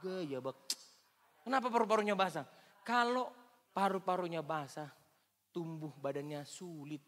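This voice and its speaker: A woman from Indonesia preaching a sermon, lively and joking with the congregation, with big swings in pitch and loudness. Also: normal speed, long reverb tail. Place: church hall.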